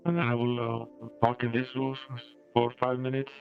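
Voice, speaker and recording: A male game streamer talking through a bitcrushed eight-bit voice filter, halting with fillers. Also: medium pitch, level tone, vocal fry, dull audio, soft background music. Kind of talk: casual stream chat.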